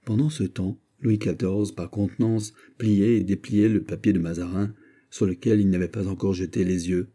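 Dark-voiced male audiobook narrator. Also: sits low, fairly even intonation, moderate pace. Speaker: audiobook reader. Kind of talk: scripted narration.

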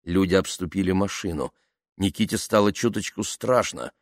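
A man narrating an audiobook in a lively, expressive reading. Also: low voice, normal speed, no room sound, clean studio sound. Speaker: audiobook reader. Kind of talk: scripted narration.

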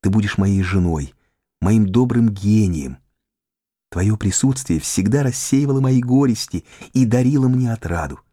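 An earnest, emotional young man in love, as a male audiobook narrator reads him, low-pitched and mellow, heartfelt, his pitch moving widely. Dry, close sound. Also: lively intonation, unhurried, dry recording. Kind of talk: audiobook character reading.

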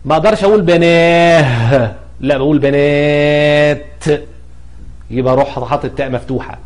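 A man's voice: medium pitch, animated, rapid-fire, darkish tone. A man with an Egyptian accent giving a grammar lesson. He repeats example words and asks and answers his own questions. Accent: Egyptian Arabic. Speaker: Arabic grammar teacher.

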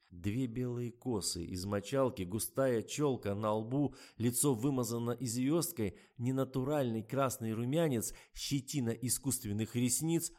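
A man reading comic fiction aloud in an expressive storytelling manner. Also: mid-range voice. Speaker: audiobook reader. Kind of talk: scripted comic narration.

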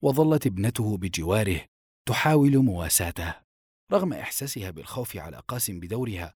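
Guy reading a novel aloud, deep and husky, really animated delivery. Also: fairly quick, no room sound, clean studio sound. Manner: expressive storytelling. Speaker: audiobook narrator. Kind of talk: scripted narration.

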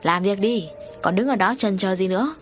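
A woman voicing a stern middle-aged man who runs a harbor crew, gruff and scolding, read as part of an audio story. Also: medium pitch, normal speed, faint music behind, natural voice.

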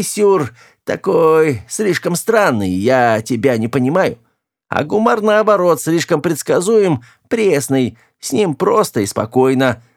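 A man's voice: mid-range voice, creaky. A man doing a moody, bold young woman. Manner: teasing, then sharp and scolding. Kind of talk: audiobook character voice.

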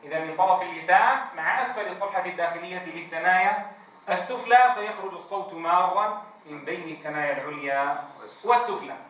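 A man's voice: sits high, sharp tone. Quran teacher, man, drills letter sounds; distant mic, echoey room, faint hiss. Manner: drawn-out demonstrations of letter sounds, asks the class questions. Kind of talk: tajweed lesson with call-and-response drills.

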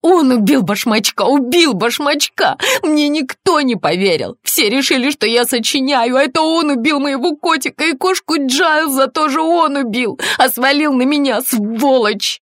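A woman's voice: sits high, lively intonation, moderate pace, few pauses, no room sound, pitched above the performer's own voice. A woman reading an audiobook voices a distraught middle-aged woman who breaks into shrieking, sobbing outbursts under police questioning. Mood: hysterical shouting.

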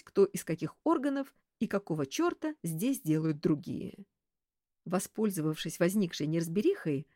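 A woman narrating an audiobook in an expressive, animated way. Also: fairly low pitch, no room sound, clean studio sound. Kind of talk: audiobook reading.

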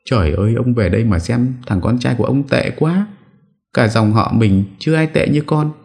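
A man voicing an elderly mother, reproachful, wailing, raised pitch, storybook audio. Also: moderate pace, creaky, darkish tone, natural voice. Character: elderly mother, grieving and scolding her son.

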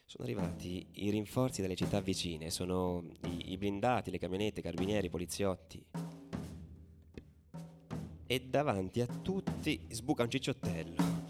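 In a grim radio theatre monologue set over drum music, a man with a low voice and moderate pace plays a young football ultra who is furious and worn out. He swings between hushed storytelling and shouted frenzy.

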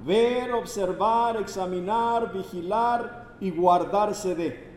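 High-voiced preacher in an echoing hall. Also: male voice, slow pace, darkish tone, far from the mic. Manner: emphatic, rhetorical questions. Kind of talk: sermon. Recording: echoey hall, faint background noise.

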